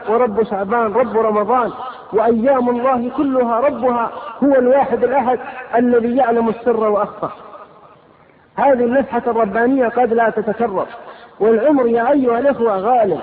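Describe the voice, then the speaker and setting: A man preaching an impassioned sermon, with rhetorical questions and sharp scolding. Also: very high voice, fairly even intonation, fairly quick. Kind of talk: fiery sermon. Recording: lo-fi phone-like sound, long hall reverb.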